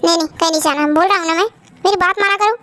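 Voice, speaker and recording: A woman's voice: very high-pitched, very fast, fairly bright tone, no echo. A woman voicing a bossy but caring young husband, who speaks firmly and insists on getting his way, in an amateur fan dub. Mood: insistent. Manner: firm, commanding, insistent.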